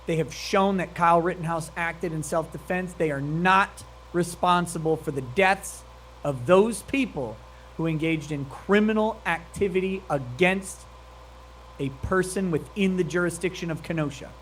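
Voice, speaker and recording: A man's voice: a little high, moderate pace, a bit bright, a little hiss or hum. A man giving profane, mocking live commentary on a video clip, laughing often. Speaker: streamer commenting on a meeting clip.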